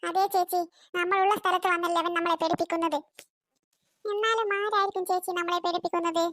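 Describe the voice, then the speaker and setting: A woman acting out a jumpy little cartoon brother with a piping, squeaky child voice that sits very high. He whines and frets at every noise, and the sound is close and dry. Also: fairly even intonation, quick pace, fairly bright tone, dry recording. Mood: pleading. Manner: whiny, easily scared. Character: young boy, timid younger brother.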